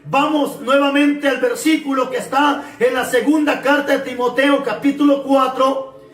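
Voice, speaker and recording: A man preaching a fervent sermon, repeating phrases and often shouting. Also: extremely high pitch, steady tone, normal speed, reverberant, recorded from a distance. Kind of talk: shouted Pentecostal-style sermon.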